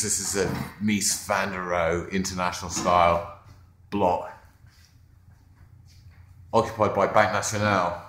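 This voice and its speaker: A man with a deep, fairly monotone voice casually narrates a video tour of his wall mural, pointing out details offhandedly as he walks with the camera. The office lunchroom he's in has a noticeable echo.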